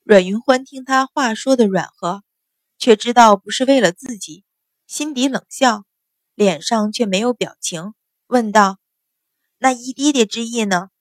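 A woman narrating an audiobook novel in a steady storytelling way. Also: fairly high pitch, unhurried, no echo.

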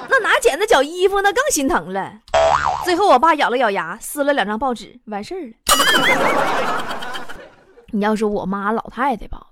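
A young woman hosts a comic monologue, wry and self-mocking. Her voice is high and swoops a lot. The recording carries heavy background noise. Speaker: host.

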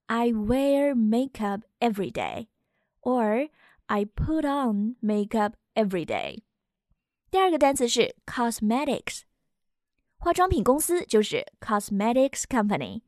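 A woman's voice: on the high side, no room sound, studio quality. Upbeat woman teaching English. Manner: clear, upbeat explanations with slow model readings. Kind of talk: short English lesson.

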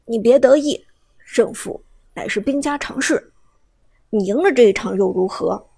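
A bitter young man who has just lost a match but won't admit it, spitting out boasts and threats, played by a woman narrator. Her voice sits fairly high and sounds dry and close. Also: moderate pace, gravelly, dark tone, breathy edge, no echo. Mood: scornful. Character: arrogant young male gamer, sore loser.

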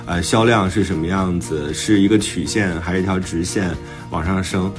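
In a casual book talk set to background music, an author and podcast host explains the thinking behind his own book in a reflective way. He has a low-pitched voice, a steady tone, and a moderate pace.

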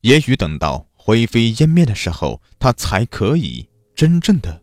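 A man narrating a dark story in an expressive, dramatic manner. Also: mid-range voice, unhurried, no room sound, studio quality.

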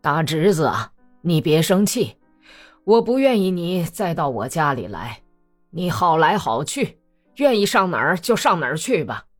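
A woman voicing a stern, dignified old man who speaks firmly and deliberately. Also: medium pitch, sing-song, faint music behind, pitched above the performer's own voice. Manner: firm, measured, stern.

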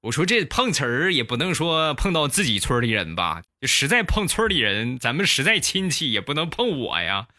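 A man hosting a comedy show, telling funny stories in a lively way and acting out the voices, close to the mic. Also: medium pitch, fairly quick, hardly any pauses, no echo. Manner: lively, acts out every voice. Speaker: comedy host. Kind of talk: comic storytelling.

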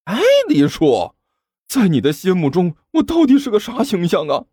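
A man's voice: huge pitch swings, fairly quick, a little mellow, slightly rough, dry recording, exaggerated voice. A man voicing a cheeky, chubby young man who sounds exasperated and whiny. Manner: whiny, exasperated, high-pitched.

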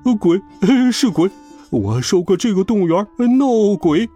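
A man voicing a fat, cowardly henchman who stammers in a high, fearful voice. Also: sing-song, normal speed, mellow, husky, soft background music, full character voice. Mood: terrified.

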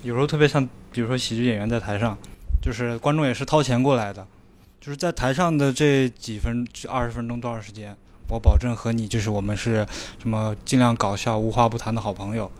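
A man's voice: mid-range voice, quick pace, a little hiss or hum. A man hosting a casual podcast chat, reflective and easygoing, asking questions. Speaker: podcast host.

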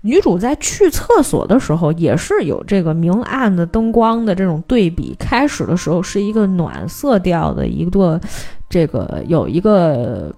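Woman, podcast host, very lively pitch, casual storytelling. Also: normal speed, vocal fry. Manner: animated storytelling, briefly mimics characters' lines. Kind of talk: casual film plot recap.

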